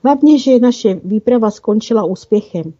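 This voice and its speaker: A woman voicing a young boy student who speaks in a steady, reassuring way, read in a storybook. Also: on the high side. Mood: confident. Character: young boy, a wolf-den student, calm leader. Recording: dull lo-fi recording.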